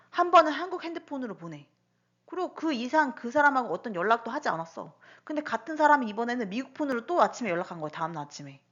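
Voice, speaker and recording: A woman in her thirties casually recounting personal incidents in a monologue, full of rhetorical questions. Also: a little high. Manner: animated, lots of rhetorical questions and fillers. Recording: dull lo-fi recording.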